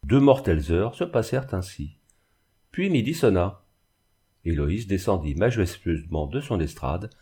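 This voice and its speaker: A man narrating a classic novel in an expressive, dramatic reading. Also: sits low, slightly rough. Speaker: audiobook narrator. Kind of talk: literary reading.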